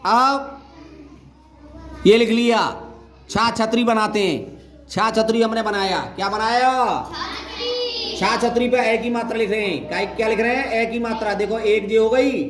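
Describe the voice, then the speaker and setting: A man teaching a Hindi reading lesson as a primary teacher. He repeats each sound, asks questions and answers them himself, and calls out the syllables loudly. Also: very high-pitched. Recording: echoey room with faint noise.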